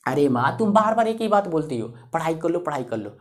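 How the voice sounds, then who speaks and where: A man's voice: a little high, very animated, brisk. A man voicing a careless teenage boy who brushes off his mother's advice in a dismissive tone.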